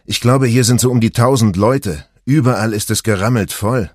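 A man voicing a relaxed, easygoing husband in his forties in an audiobook, speaking up as if over noise. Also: medium pitch, moderate pace, no echo, clean studio sound, voice pushed up, natural voice. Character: relaxed husband, man, 40s, stuck in a crowd.

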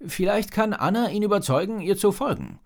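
A hopeful storybook man with a crystal ball, sitting well above the teller's usual pitch, as a male narrator puts him on. The voice is raised and bright, and it lilts up and down with a lively swing. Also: brisk, vocal fry. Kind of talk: storybook character voice.

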